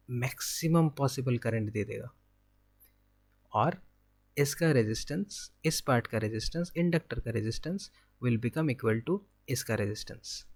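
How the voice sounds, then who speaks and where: A young man with an Indian accent gives an exam-prep physics lecture, working through each formula step by step and answering his own questions right after asking them. His voice is mid-range in pitch and a little mellow.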